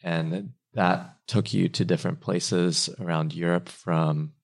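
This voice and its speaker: A man's voice: deep voice, fairly even intonation, slow, vocal fry. A man hosting a podcast, asking friendly, curious questions. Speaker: podcast host. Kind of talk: podcast interview.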